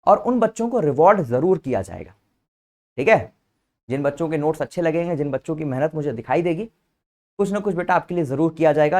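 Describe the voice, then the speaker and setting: A man's voice: on the high side, a little mellow. Patient male teacher spelling words. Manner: calls listeners "beta" fondly. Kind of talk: online vocabulary lesson.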